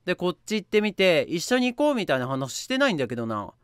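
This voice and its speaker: A woman playing a game and talking through it, reading the on-screen text aloud, dropping to soft murmurs and then jumping up to sudden high squeals. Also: sing-song, quick pace, smooth, no echo, studio quality. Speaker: game streamer. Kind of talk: let's play commentary.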